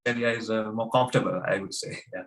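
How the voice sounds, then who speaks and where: A young man from Sri Lanka, a guest on an interview podcast, speaking with hesitant pauses and fillers. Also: lowish voice, steady tone, fairly bright tone. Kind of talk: casual interview chat.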